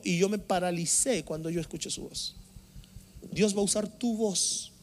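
A male pastor preaching a sermon to his congregation in an animated, emphatic way, with sudden loud outbursts. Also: on the high side. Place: church service before a congregation.

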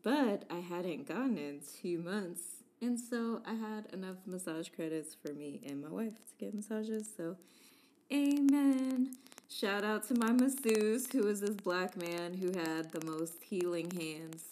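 A woman's voice: medium pitch, measured pace, darkish tone, a little hiss or hum. A woman co-hosting a casual chat show, chatty and playful, often laughing and leaning on words for emphasis. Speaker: podcast co-host.

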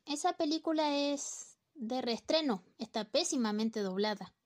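In a student radio play, a woman actor portrays a distracted, teasing housewife using an exaggerated, sing-song delivery. Her voice is high, with lively intonation, and her pace is a little slow.

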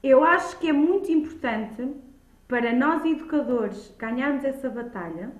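A woman's voice: sits high, lively intonation, normal speed. A woman with a European Portuguese accent speaking emphatically in a conversational debate, repeating key words for stress. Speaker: childminder and early childhood educator, podcast guest. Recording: echoey room, dull lo-fi sound.

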